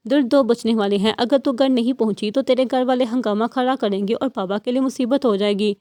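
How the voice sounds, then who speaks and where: A woman's voice: a little high, darkish tone, no echo, studio quality, close to an everyday voice. Woman voicing a despairing young woman. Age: young adult. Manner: withdrawn, stubborn.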